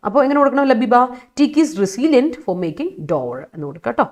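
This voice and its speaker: A woman's voice: fairly high pitch, big pitch swings, normal speed, a little mellow. A woman English teacher from Kerala running a live online vocabulary class, mixing English words into her explanations and laughing as she answers her students. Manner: mixes English words into explanations, reads student chat aloud, laughs often.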